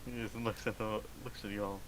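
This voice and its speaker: A man's voice: on the low side, level tone, a little fast. A man narrating a tabletop game as dungeon master, describing creature actions and restarting phrases. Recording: loud hiss.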